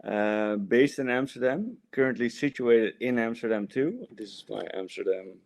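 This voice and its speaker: A man chats as a guest on a live show. His voice sits at a medium pitch. He is excited and a little tipsy, and he rambles as he goes. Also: moderate pace. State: slightly tipsy. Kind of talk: casual live chat. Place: small apartment.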